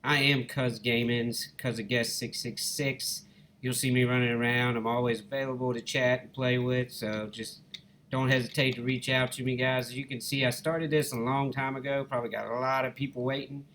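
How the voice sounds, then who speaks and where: A man's voice: mid-range voice, little pitch movement, moderate pace, a bit bright, slight background noise. A man with a Southern Alabama accent giving easygoing, folksy, casual commentary over his gameplay. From Alabama, United States. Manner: easygoing, folksy, addresses viewers as guys and y'all. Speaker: gaming channel host.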